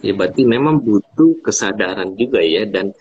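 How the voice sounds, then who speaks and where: Male host, low husky voice, dry lo-fi stream sound. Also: expressive, moderate pace, darkish tone, no echo. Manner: frequent short agreeing "iya", sums up the guest's points. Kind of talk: casual talk on an Instagram Live.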